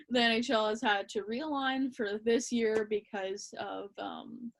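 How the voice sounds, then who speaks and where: A woman with a slightly high voice and vocal fry talks hockey as a co-host on a casual podcast. She sounds relaxed but a bit hesitant, often filling pauses with ums.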